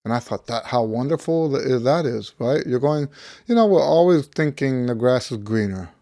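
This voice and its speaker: A middle-aged American man, a trumpet teacher, speaks casually to camera, still slightly hoarse from having lost his voice. He rambles conversationally, thinking aloud as he shares a personal anecdote and his experience the way a teacher would. His mid-range voice is warm with lively intonation at a moderate pace, recorded in studio quality with no echo.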